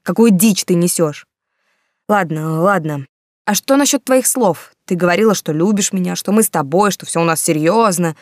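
A woman voicing a hot-tempered young man who argues loudly in blunt slangy speech, jilted by his lover. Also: on the low side, normal speed, no room sound, studio quality, close to an everyday voice. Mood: bitter, shouting.

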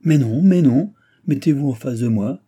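A man's voice: on the low side, a little fast, warm tone, breathy edge. A man voicing a young noblewoman who coaxes and soothes. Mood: coaxing. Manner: soothing, coaxing. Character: coaxing young noblewoman, woman.

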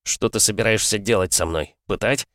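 A man's voice: fairly low pitch, moderate pace, no echo, studio quality, natural voice. A man voicing a defiant young man held captive, heated and indignant, in an audiobook. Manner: heated, indignant, sharp outbursts. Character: young man trapped in a strange world, angry and defiant. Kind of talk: audiobook character voice.

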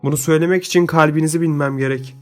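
A man's voice: a little high, fairly even intonation, racing, soft background music, natural voice. A man reading an audiobook, voicing a skeptical, world-weary older man who speaks in a dry, doubtful way.

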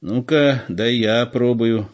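A man reading aloud voicing a shrewd, gruff old village man with folksy speech. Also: mid-range voice, takes it slowly, lo-fi sound, voice pushed up, natural voice. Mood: sly.

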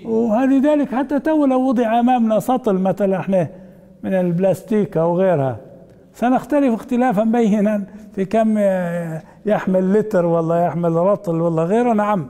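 Sheikh giving a class, high-ish voice but dark and mellow, reads then explains, reverb from the hall. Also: male voice, fairly quick. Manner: reads the text aloud, then explains it in colloquial asides with questions to the class. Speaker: sheikh teaching a hadith commentary. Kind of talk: classroom lesson reading and explaining a text.

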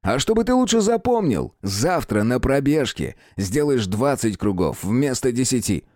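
A man voicing a blunt, gruff male fight master who scolds his pupil. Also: medium pitch, big pitch swings, moderate pace, a little mellow, dry recording, studio quality, voice pushed up, close to an everyday voice.

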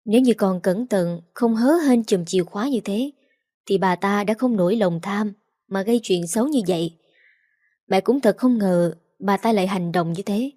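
A woman's voice: mid-range voice, normal speed, warm tone, no echo, clean studio sound, natural voice. Woman reading as a firm, caring mother. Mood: concerned. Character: worried middle-aged mother, gentle and firm.

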